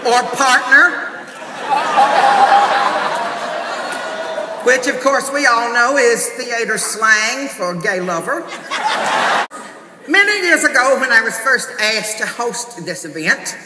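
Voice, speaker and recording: Extremely high and animated, a man's voice rises over a noisy crowd as he hosts a theater awards show in character as a scandalized, prim usheress. He scolds in a slow, pompous, emphatic mock-sermon studded with amens, on a big stage in an echoey hall, recorded from a distance with audience noise.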